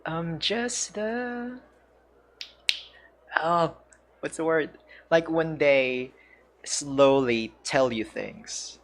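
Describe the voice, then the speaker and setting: A streamer and English teacher from the Philippines gives casual game commentary with a Filipino accent, hesitant and searching for words. His voice is fairly high, and he draws out his words and pauses often.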